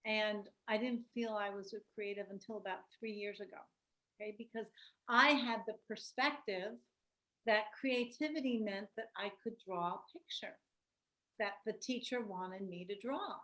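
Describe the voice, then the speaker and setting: A woman's voice: medium pitch, fairly even intonation, normal speed, fairly bright tone. A woman presenting an online workshop on a video call, talking reflectively, telling stories and asking the group questions.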